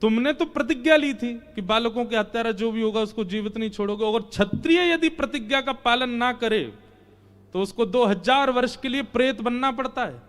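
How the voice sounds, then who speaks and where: A man's voice: very high-pitched, moderate pace, a bit bright, voice pushed up. A man voicing a playful divine god who teases and coaxes a warrior. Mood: coaxing.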